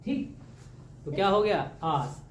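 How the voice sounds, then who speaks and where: A man with a slightly high voice leads an exam-prep grammar lesson, constantly firing off questions and repeating the answers in a joking, homely teacher style. His intonation is lively and his pace slow. The room echoes, and a faint ambient hum runs underneath.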